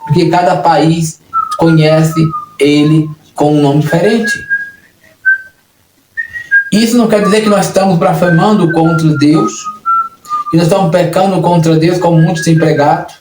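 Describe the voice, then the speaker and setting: A man's voice: fairly high pitch, fairly even intonation, normal speed. A Brazilian man preaching a sermon in an earnest, repetitive way, often restarting his phrases. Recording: echoey room, distant mic, noisy.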